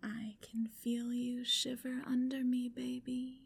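A woman's voice: on the high side, little pitch movement, takes it slowly, creaky, husky. A woman in a whispered ASMR roleplay, speaking in an intimate, commanding whisper.

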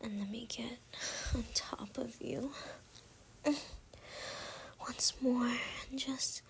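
A woman speaking in a soft, breathy, intimate whisper close to the mic for an ASMR roleplay. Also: fairly high pitch, fairly even intonation, slow pace, a little hiss or hum, low-quality recording. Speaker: ASMR performer.

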